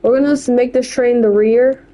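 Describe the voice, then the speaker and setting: A woman's voice: fairly high pitch, fairly even intonation, dark tone, low-quality recording. Rambling, opinionated woman narrating gameplay. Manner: rambling, blunt and opinionated, quick asides. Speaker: gameplay channel host. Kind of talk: casual gameplay commentary.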